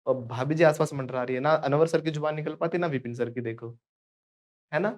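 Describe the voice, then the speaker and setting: Joking, higher-voiced male English teacher. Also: a little fast. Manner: playful, joking, keeps prompting students to repeat. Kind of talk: online class in Hindi teaching English phrases.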